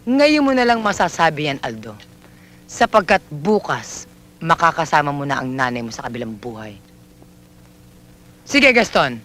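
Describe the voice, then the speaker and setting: A scheming male crime boss delivers cold, theatrical threats. His pitch rises and falls a lot. A faint hum sits behind him. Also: big pitch swings, normal speed, long pauses, sharp tone. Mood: menacing. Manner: theatrical, ordering killings coldly. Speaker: villain in a comedy film. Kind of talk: film acting.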